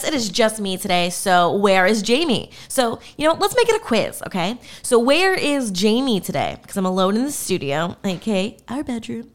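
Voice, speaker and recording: Bubbly, animated woman podcast host. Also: mid-range voice. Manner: bubbly, hyped, playful. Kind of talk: casual solo podcast chat. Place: spare room studio at home.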